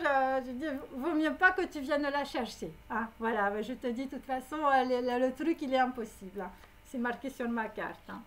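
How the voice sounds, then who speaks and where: A woman's voice: high-pitched, fairly bright tone. A woman giving a psychic reading to her viewers, rambling with many fillers and tags. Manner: speaks directly to viewers. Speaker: psychic reader. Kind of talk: live clairvoyant prediction.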